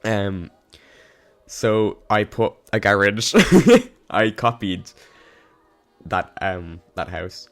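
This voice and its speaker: A man with a hoarse, coughing voice gives a casual, rambling voice-over about a game build, with lots of ums, restarts and giggles. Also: lowish voice, very slow, long pauses, a bit bright. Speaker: game builder narrating a speedbuild. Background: faint background music.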